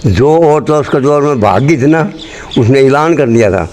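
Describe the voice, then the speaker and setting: A partition migrant from Rohtak, Haryana, in pre-partition India, now in his 80s or older, shares memories in an interview with a Haryanvi accent, blunt, earthy and rambling. His mid-range, slightly mellow voice moves at normal speed with lively intonation, and the location recording is clearly noisy.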